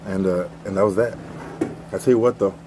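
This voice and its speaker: A man's voice: low-pitched, fairly even intonation, fairly quick, background noise. A man telling a fight story casually and profanely while working on a bike outdoors, laughing as he goes.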